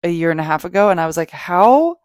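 On her podcast, a woman riffs off the cuff about self-help in a rapid-fire, gushing, emphatic way, swearing freely. Her low voice is steady and smooth, captured in a clean studio with no room sound.

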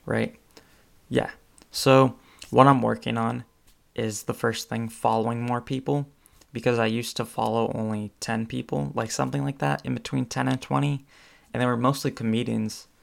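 A man's voice: medium pitch, steady tone, moderate pace, gravelly. A young man hosting his own podcast, talking casually in a rambling way with lots of ums and restarts. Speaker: podcast host. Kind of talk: casual solo podcast monologue.

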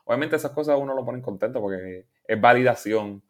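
A young man from Puerto Rico with a Puerto Rican Spanish accent, a musician chatting in an interview, relaxed and rambling with English words mixed in. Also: medium pitch, brisk. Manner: relaxed, rambling, restarts often, laughs easily, mixes in English words. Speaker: musician guest. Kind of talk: casual interview chat.

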